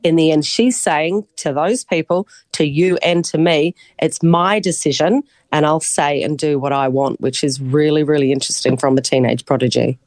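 A woman's voice: low-pitched, moderate pace, few pauses, darkish tone, dry recording. A woman with a broad New Zealand accent giving a chatty, articulate and emphatic sports report as a commentator on a live radio cross.

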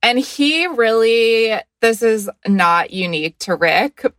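A woman guest on a podcast, giving thoughtful, measured commentary in casual chat. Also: fairly high pitch, lively intonation, a bit bright, dry recording, studio quality.

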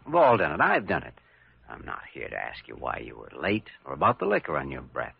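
Casting: compassionate young American radio-drama doctor; very low, creaky voice, dull old recording. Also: male voice, wildly swooping pitch, fairly quick, dry recording, heavily acted. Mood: earnest, urging. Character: earnest, compassionate young male hospital doctor.

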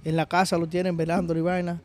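A man co-hosting a casual podcast, an animated storyteller who acts out the voices of the people in his tales. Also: fairly high pitch, fast talker. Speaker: podcast co-host.

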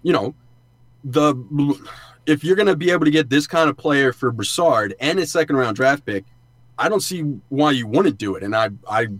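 Recorded dry in a studio sound booth, this co-host of a sports podcast offers casual, conversational sports analysis. His voice sits on the high side, a bit bright, with lively intonation and a normal speed.

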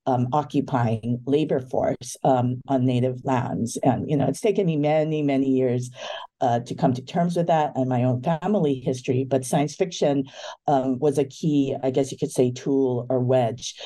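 Woman from Hawaii, fifties, very dark mellow tone, interview guest, hesitant fillers. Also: a bass voice, fairly even intonation, moderate pace. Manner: thoughtful, many fillers and restarts. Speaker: guest, book editor. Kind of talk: casual interview talk.

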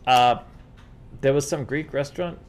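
At a moderate pace and with slight noise in the background, a middle-aged man from New York City speaks in a mid-range voice. He's hosting a relaxed livestream, answering viewers' questions with animated, rambling stories and plenty of "dude."

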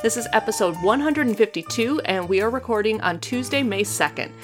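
A woman's voice: fairly high pitch, animated, brisk, over music. A woman hosting a podcast in a casual, conversational way, telling stories with animation. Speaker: podcast host.

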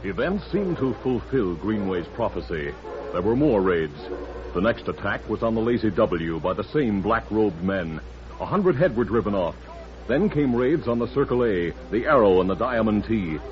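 A deep-voiced man narrates an old-time radio serial in a dramatic, deliberate style. His pitch moves expressively, and the recording is dull and lo-fi. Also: animated. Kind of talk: 1940s radio scripted narration.

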